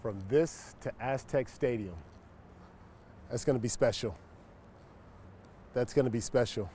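Strolling through a deserted stadium and locker room, a man in his forties who used to play football shares memories in a casual walk-and-talk. He has a mid-range voice, speaks a little slowly, and sounds relaxed and reflective, livening up when greeting a friend. There's a slight hiss or hum.

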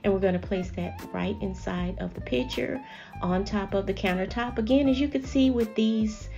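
A woman hosting a home decorating channel, gently chatting viewers through each step in a voice-over. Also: mid-range voice, moderate pace, vocal fry, lo-fi sound, soft background music. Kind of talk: voice-over narration of a decorating video.

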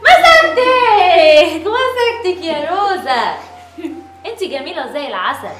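Woman as warm-hearted Egyptian mom, high, brisk, tender, echoey room. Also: animated, a little hiss or hum. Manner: tender, coaxing. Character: affectionate mother, adult woman. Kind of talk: family skit acting.

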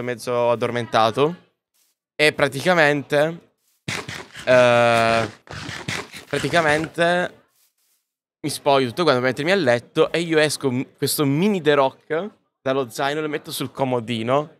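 A male streamer talks casually and directly to his viewers, his voice sitting at an ordinary middle pitch. He speaks into a podcast-style microphone at a convention booth. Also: a bit bright. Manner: chatty, addresses viewers directly. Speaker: livestreamer. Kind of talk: casual live-stream chat.

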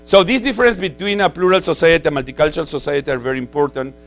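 A man's voice: fairly high pitch, fairly even intonation, racing, creaky, soft background music, low-quality recording. A man from Peru with a Spanish accent giving a conversational conference lecture, full of "you know" and repeated words.

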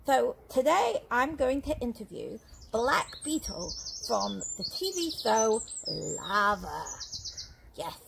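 Prim, chatty puppet lady reporter for comedy interview played by a woman; slightly high, very slow and halting, outdoors among birds. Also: big pitch swings, gravelly, heavily acted. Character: crowned female sock-puppet reporter, prim, chatty, easily flustered. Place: outdoors in a garden. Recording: outdoor garden noise with birdsong.

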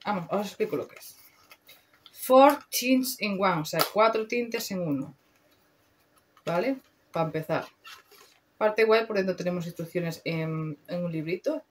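A woman's voice: fairly low pitch, unhurried, long pauses, slight background noise. A young woman with a Spain Spanish accent, chatting casually and slangily through a makeup review, swearing freely. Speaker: beauty vlogger.

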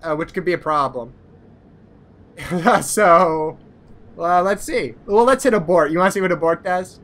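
Let's play host, bright voice, rambling, self-mocking casual commentary. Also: medium pitch, measured pace.

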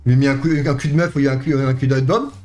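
A man's voice: mid-range voice, steady tone, fast, a little mellow, faint music behind. A middle-aged man in casual, foul-mouthed gaming chat, quarrelsome and insulting, on a close mic in a small room. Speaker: live streamer playing video games. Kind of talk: casual ranting gameplay chat. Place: small home streaming room.

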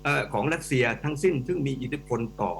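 A middle-aged man, an economics professor, giving animated, emphatic commentary as a guest on a radio talk show and addressing the hosts directly. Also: fairly high pitch, fast, vocal fry. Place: radio studio. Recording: radio studio with faint mains hum.

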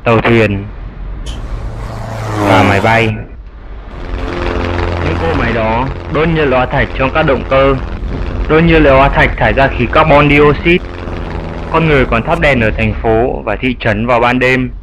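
In a dubbed educational cartoon, a man voices a wise, elderly grandfather bat who explains things patiently. The acting is light, his pitch medium at a normal speed with long pauses, and the background is noisy.

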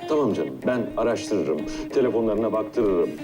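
An actor playing a calm, reassuring man who talks a frightened woman down with steady reasoning. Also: on the low side, normal speed, recorded from a distance, over music, lightly acted. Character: calm, reassuring senior man like an older brother. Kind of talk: TV series acting.

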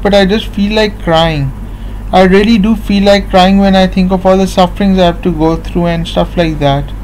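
A man's voice: high voice, a little mellow, slight background noise, rough recording. A man, talking to a webcam at home in a rambling, repetitive way full of fillers. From Pakistan. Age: late 20s. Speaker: vlogger. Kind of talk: casual monologue to camera. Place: small room at home, seated in armchair indoors. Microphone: built-in webcam mic at close range.

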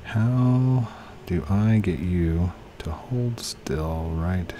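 Speaking extremely slowly in a low, mellow voice, a slightly tired gaming channel host in his thirties casually comments on a building game, talking to objects and humming as he goes. Soft music plays behind his home headset recording.

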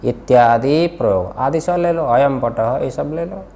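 A man's voice: mid-range voice, a little slow, vocal fry, mellow. Male scripture teacher quizzing students. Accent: Hindi-speaking Indian. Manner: questions students, repeats key words. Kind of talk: classroom lesson, explaining a text.

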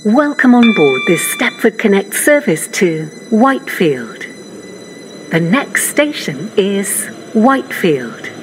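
A woman's voice: mid-range voice, big pitch swings, takes it slowly, background noise. A woman's automated on-board train announcements, built from spliced-together recorded words with stilted phrasing.

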